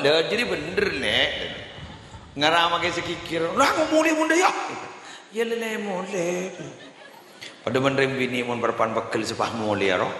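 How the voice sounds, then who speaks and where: A man preaching a comic Islamic sermon, telling stories animatedly, jumping from high squeals to low mutters and laughing along. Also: sharp tone. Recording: echoey hall, faint background noise.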